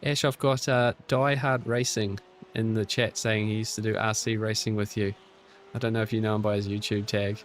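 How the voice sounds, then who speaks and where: A man hosting a casual live stream, chatting with viewers and a teammate in a relaxed way, full of restarts and fillers. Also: fairly low pitch, moderate pace, a little hiss or hum. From New Zealand. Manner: relaxed and chatty, with frequent restarts and fillers while reading chat aloud; friendly, encouraging teammate. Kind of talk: casual live-stream chat over sim racing.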